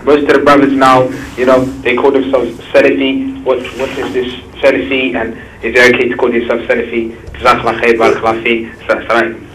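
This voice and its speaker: A man calling in to a TV show with a question, speaking quietly and tentatively. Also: mid-range voice, monotone, brisk, a little hiss or hum. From England. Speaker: caller. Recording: faint phone line into studio.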